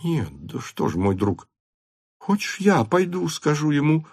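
A man playing a weary, soft-spoken countess. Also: on the low side, sing-song, slow, vocal fry, breathy edge, dry recording, clean studio sound, heavily acted. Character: weary middle-aged countess, dry and patient.

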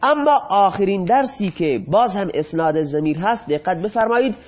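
High lively guy teaching grammar, asks then answers himself, muffled lo-fi sound. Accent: Iranian Persian. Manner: asks questions and answers them himself, drills verb forms. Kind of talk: classroom grammar lesson. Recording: dull lo-fi classroom recording.

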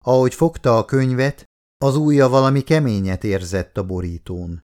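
A male audiobook narrator reading a thriller in an even, steady manner. His voice sits at an ordinary middle pitch. The delivery is scripted and clear.

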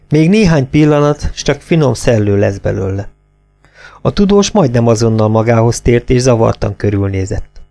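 A man reading an audiobook in a steady, measured narration. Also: on the low side.

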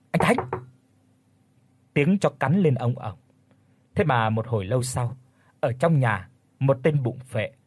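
Man, horror audiobook narrator, husky voice, lively intonation, dry close sound. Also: medium pitch, dry recording.

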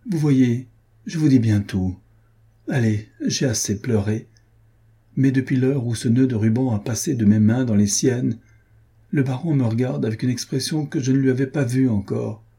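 A man's voice: mid-range voice, moderate pace, vocal fry, mellow, breathy edge. A man voicing a grieving but resolute young noblewoman in a classic novel reading, earnest and tender. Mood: tearful tender.

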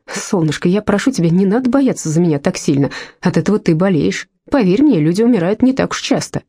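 A woman's voice: on the low side, expressive, fast talker, mellow, husky. A woman voicing a weary, patient young husband in an audiobook, soothing and lightly ironic. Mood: tired, soothing. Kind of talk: audiobook character voice.

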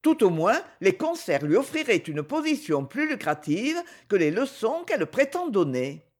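A woman's voice: mid-range voice, big pitch swings, normal speed. A woman reading a jealous young noblewoman in an audiobook, in an ironic, sarcastic tone.

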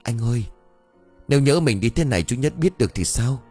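A man's voice: medium pitch, expressive, brisk, slightly rough, faint music behind. A man doing an anxious young wife. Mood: worried. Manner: worried, soft-spoken.

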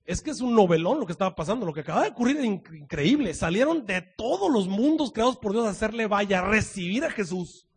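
A male preacher telling a sermon story dramatically, swinging from loud proclamations to hushed asides. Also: high voice, animated, fast, few pauses, slightly rough.

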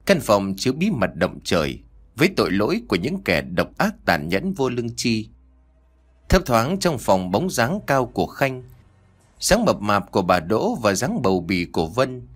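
A man's voice: fairly low pitch, huge pitch swings, moderate pace, slightly rough. A man narrating an audiobook story with a dramatic storytelling delivery.

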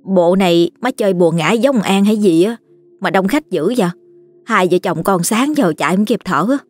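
A woman voicing an excitable young daughter-in-law. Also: normal speed, no echo, faint music behind, lightly acted. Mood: excited. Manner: excitable, shrill.

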